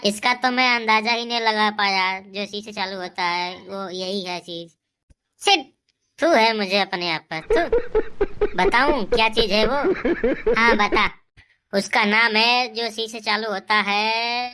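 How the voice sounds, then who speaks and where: A woman's voice: medium pitch, unhurried, pushed and bright, smooth. A woman voicing cheeky, bickering village boys in a comic cartoon.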